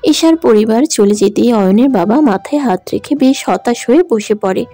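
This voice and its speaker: A woman's voice: fairly high pitch, animated, normal speed, dark tone, no room sound, soft background music. A woman narrating a romantic audio drama in an emotive, dramatic manner. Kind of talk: scripted story narration.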